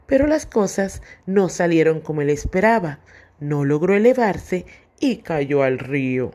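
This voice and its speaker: Slow, careful woman reading to children. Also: deep voice, very animated, warm tone. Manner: careful, clearly articulated reading. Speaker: storyteller and teacher for children. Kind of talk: reading a children's book and phonics drill aloud.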